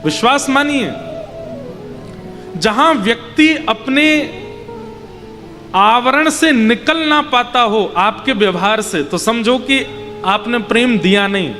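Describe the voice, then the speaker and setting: Man preacher, high voice, devotional sermon in a reverberant hall with loud music underneath, expressive storytelling. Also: slow pace, pauses often. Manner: acts out child and mother voices in the story, lively. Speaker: Bhagavat katha preacher.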